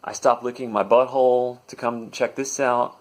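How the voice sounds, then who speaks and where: A man's voice: mid-range voice, steady tone, moderate pace, close to an everyday voice. A man voicing the thoughts of a bored, unimpressed police dog in a spoken comedy story.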